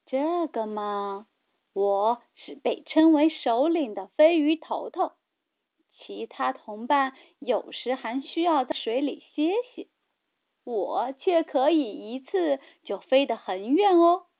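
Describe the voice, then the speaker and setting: A woman's voice: high voice, animated, takes it slowly, exaggerated voice. A woman voicing a proud, boastful flying fish leader in a children's storybook. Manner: boastful, hearty. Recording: tinny phone-like sound.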